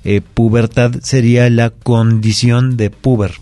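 A man's voice: mid-range voice, little pitch movement, a little slow, mellow, dry recording. A man, explaining word usage carefully and methodically as a language expert on a talk segment.

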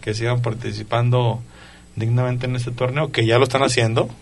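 A man's voice: medium pitch, little pitch movement, moderate pace, creaky. A man co-hosting a sports radio show, chatty and encouraging toward the guest. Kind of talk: radio interview.

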